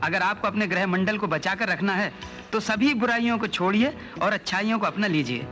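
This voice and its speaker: Brief: male actor as naive man from another planet, sing-song and blunt, high voice, 1990s film. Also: a little fast, music in the background, natural voice. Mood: scornful. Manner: sing-song chanting, blunt mocking insults. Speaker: alien visitor held prisoner. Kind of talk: 1990s Hindi film dialogue.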